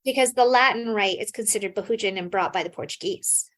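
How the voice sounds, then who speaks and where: A quick-paced, mid-range, slightly bright voice belongs to an American woman who is a scholar guest in an interview. Answering casually, she explains thoughtfully, with frequent fillers and restarts.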